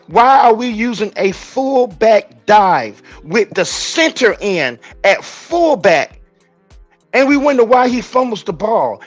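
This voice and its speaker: Fired-up high-voiced man ranting. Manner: angry, exasperated, emphatic. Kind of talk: heated sports rant.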